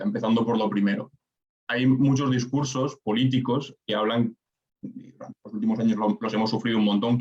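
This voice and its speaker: Young man, articulate political analyst, muffled. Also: lowish voice. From Spain. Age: 20s. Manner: articulate, explains in structured points with rhetorical questions. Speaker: political scientist guest. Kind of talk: interview answers.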